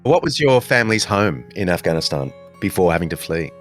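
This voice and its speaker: A man hosting the show, reading a scripted introduction and asking interview questions in a measured, earnest way. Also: deep voice, very animated, faint music behind. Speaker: host.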